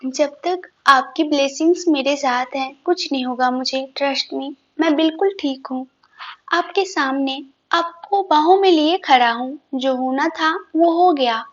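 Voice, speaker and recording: A woman voicing a loving young husband who reassures his wife softly in a storybook reading; dull lo-fi sound. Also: sits high, unhurried. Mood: tender reassuring. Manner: soft, reassuring, mixing English words.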